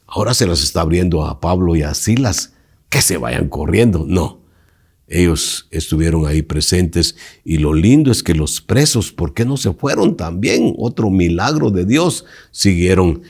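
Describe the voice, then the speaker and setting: A man's voice: low voice, a little mellow. A male pastor teaching a Bible lesson, emphatic and preacherly, putting direct questions to his listeners.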